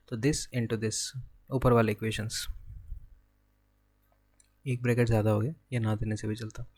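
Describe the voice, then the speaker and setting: A young man with an Indian accent teaches an exam-prep physics lesson at a mid-range pitch. He works through each formula step by step, asks himself questions and answers them right away. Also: darkish tone. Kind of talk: exam-prep lecture, working problems aloud.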